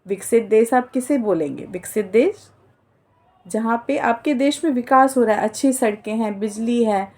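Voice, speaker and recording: A woman's voice: a little high, moderate pace, a little mellow. A woman giving an earnest explainer monologue, defining terms and mixing in English words as she goes. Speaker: political commentator.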